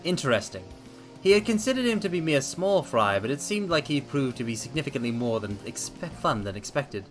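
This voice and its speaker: A brisk, sing-song delivery marks this medium-pitched man as he streams a visual novel, dramatically voicing the narration and making offhand asides. Soft game soundtrack music plays in the background.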